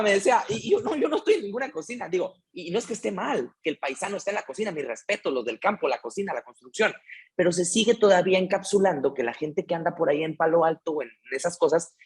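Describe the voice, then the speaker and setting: Mexican host guy, kinda husky voice, long rambly questions. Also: on the high side. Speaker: podcast host. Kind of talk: casual podcast conversation.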